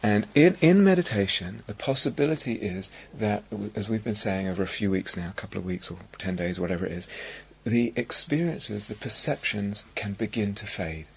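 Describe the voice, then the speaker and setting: A middle-aged man with an English accent giving a dharma talk as a meditation teacher, speaking in a reflective, halting way with many restarts. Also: lowish voice, expressive, creaky, husky. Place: meditation hall at a retreat centre.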